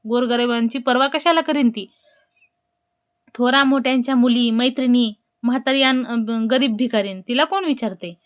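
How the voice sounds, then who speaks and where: A woman's voice: on the high side, moderate pace, natural voice. A woman voicing a goddess disguised as a poor old beggar woman, speaking in an indignant, scolding way in a devotional tale.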